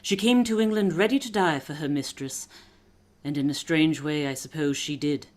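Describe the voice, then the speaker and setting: A shrewd aristocratic lady detective played by an actress in a period radio mystery, with a low female voice. She explains in a measured, authoritative way, fully composed and deliberate. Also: darkish tone, lightly acted. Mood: solemn.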